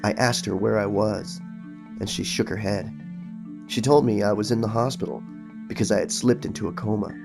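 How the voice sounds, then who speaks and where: A man with a lowish, creaky voice reads a horror story at a moderate pace over music, delivering it dramatically and with suspense. He narrates horror stories and hosts the channel, moving from a dramatic creepypasta reading into a casual recap.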